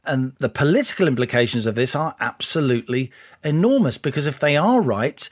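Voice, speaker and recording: A man co-hosting a political podcast, laying out his analysis in a measured, deliberate way. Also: medium pitch, expressive. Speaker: podcast co-host, columnist.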